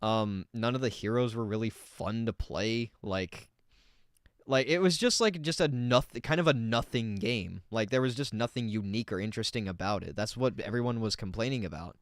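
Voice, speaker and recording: A man's voice: lowish voice, moderate pace, no echo, studio quality. A man hosting a casual reaction commentary, talking in a rambling, filler-heavy way and swearing bluntly. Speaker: reaction video host.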